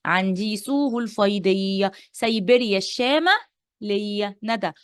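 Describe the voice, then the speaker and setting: A woman's voice: medium pitch, measured pace, smooth, no echo, clean studio sound. A woman teacher with an Egyptian accent giving an exam-prep lesson, playful, repeating points and quizzing her pupils. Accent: Egyptian Arabic.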